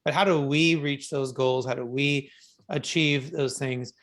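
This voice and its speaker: A man hosting an interview show in casual conversation, feeling his way haltingly through his questions. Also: medium pitch, steady tone, a bit bright. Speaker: radio show host and interviewer.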